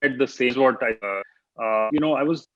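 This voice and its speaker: A man moderating a panel over a video call, his audio cutting in and out as the connection breaks up, talking haltingly with many fillers. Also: mid-range voice, fairly bright tone, no echo. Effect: choppy audio that cuts in and out on a breaking-up call. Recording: dull, dry, lo-fi call audio.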